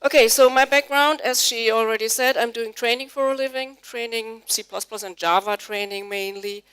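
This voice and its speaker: A middle-aged German-speaking woman, a Java trainer, delivers an explanatory technical talk in a conference hall, polling the audience with questions. Her voice is fairly high, steady, bright, clear and resonant at normal speed, though the recording quality is low.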